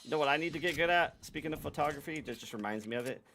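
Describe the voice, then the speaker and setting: A man's voice: a little high, very fast, vocal fry, a bit bright. Laid-back young male game streamer. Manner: laid-back, talks to chat, slangy. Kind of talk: casual live-stream chatter while gaming. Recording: noisy background.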